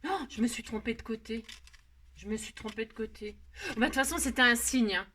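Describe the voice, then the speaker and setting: Bright-voiced woman doing a craft tutorial, self-mocking chatter and mumbled asides, slightly high, faint hiss. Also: brisk. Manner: chatty, joking about her own mistakes, muttering asides. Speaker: card-making tutorial host.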